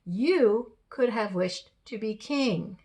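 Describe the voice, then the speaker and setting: A woman voicing a fisherman's greedy, scolding wife in a shrill, exasperated tone. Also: animated, slow pace, warm tone.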